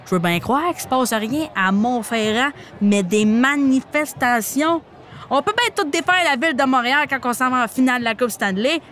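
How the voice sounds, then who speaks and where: A woman with a Québécois accent hosting a comic recap podcast, slangy and animated, playing a mock hockey coach. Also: sits high, a little fast, few pauses, slight background noise. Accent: Québécois French. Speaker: podcast host recapping a TV series.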